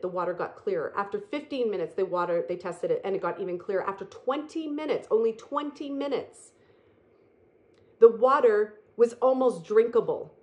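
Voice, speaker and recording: A woman delivers a motivational spiritual talk. She speaks earnestly and repeats herself for effect, slowing right down on the phrases she wants to land. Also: mid-range voice. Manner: earnest, repetitive, emphatic and slow on key phrases.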